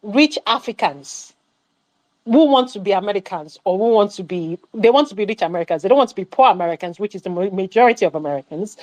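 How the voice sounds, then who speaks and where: A woman's voice: mid-range voice, expressive, fast talker, darkish tone, rough recording. A woman on a film club panel, ranting animatedly about a movie with rhetorical questions. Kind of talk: casual film critique chat.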